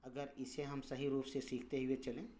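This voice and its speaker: A man's voice: medium pitch, flat delivery, warm tone. A man teaching English pronunciation as a patient teacher, repeating each word and its meaning. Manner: patient, repeats words and meanings, drawn-out vowels. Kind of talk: slow explanatory lesson.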